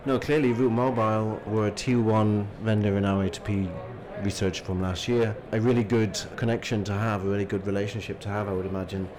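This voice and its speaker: A man's voice: lowish voice, fairly even intonation, a little fast, hardly any pauses, a crowd in the background. A man presenting as a podcast host, moving between scripted links and interview questions.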